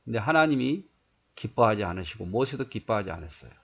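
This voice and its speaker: A man's voice: on the low side, big pitch swings, quick pace, vocal fry, husky, dull audio. A man pastor preaching a conversational sermon, reading scripture and asking his listeners rhetorical questions.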